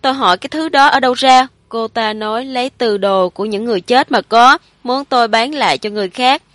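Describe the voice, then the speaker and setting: A woman's voice: a little high, a little fast, a bit bright, no room sound, lightly acted. A woman voicing a frightened, guilt-ridden middle-aged man, confessing in a tearful, pleading way for a spoken horror story. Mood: tearful confession.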